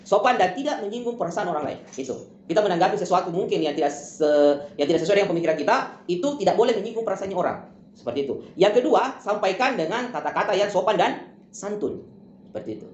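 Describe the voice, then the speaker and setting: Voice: medium pitch, animated, fast talker, darkish tone, a little hiss or hum. A tutor explaining a school lesson step by step with lots of examples, often repeating the same closing phrases. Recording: roomy, dull lo-fi recording.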